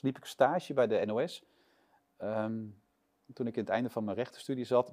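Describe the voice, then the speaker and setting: A man tells a story at a quick clip, his voice jumping up whenever he acts out someone shouting. He sits as the guest in an interview and keeps the tale rolling. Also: lowish voice. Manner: lively storyteller acting out shouted quotes. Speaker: interview guest, sports presenter. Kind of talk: animated anecdote telling.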